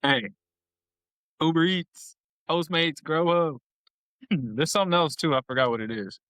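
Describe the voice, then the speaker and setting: Animated young man telling stories. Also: on the high side, unhurried, no echo, rough recording. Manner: animated storyteller, playful shout-outs. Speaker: podcast co-host. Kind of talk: casual podcast chat.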